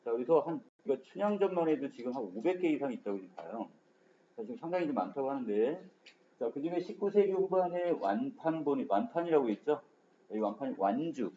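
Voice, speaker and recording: Mellow-voiced male literature teacher. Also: medium pitch, animated, a little fast, slight background noise. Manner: casual lecturing, starts sentences with frequent filler words. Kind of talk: online exam-prep lecture. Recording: dull lo-fi recording.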